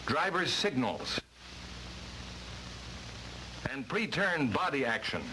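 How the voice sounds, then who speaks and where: A man's voice: fairly high pitch, very animated, normal speed. An American man narrating a vintage 1950s-style instructional film from a script, with a formal, emphatic delivery. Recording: noisy vintage training film soundtrack.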